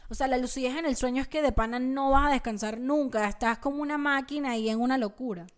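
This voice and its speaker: Young Venezuelan woman, co-host, high voice, lively slangy chatter. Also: quick pace. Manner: animated, slangy, laughs often. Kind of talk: casual chat.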